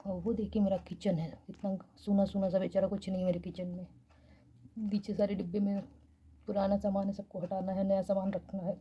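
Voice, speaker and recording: A young woman from India chatting casually in a late-night vlog, speaking softly so she won't wake her neighbours. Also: medium pitch, flat delivery, fairly quick, dull audio, background noise. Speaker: vlogger. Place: small rented room in a girls' hostel, at night.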